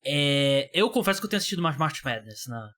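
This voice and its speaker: Brazilian guy hosting a podcast, laid back, swears a bit, kinda high voice. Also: fast talker. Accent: Brazilian Portuguese. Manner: relaxed, swears casually, many fillers. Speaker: podcast host. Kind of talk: casual podcast chat.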